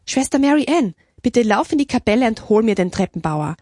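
Woman doing a calm, absent-minded mother superior. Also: on the high side, a little fast, dry recording, clean studio sound, pitched above the performer's own voice.

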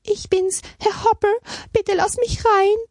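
A woman voicing a frightened, trembling male rabbit in a children's storybook, whining in a high voice. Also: level tone, measured pace, dry recording, clean studio sound.

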